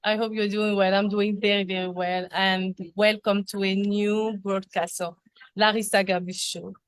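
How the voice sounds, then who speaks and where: A woman's voice: medium pitch, little pitch movement, normal speed, clean tone, no echo. A woman with a French accent hosting an interview show, greeting her guest with effusive compliments. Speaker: talk show host.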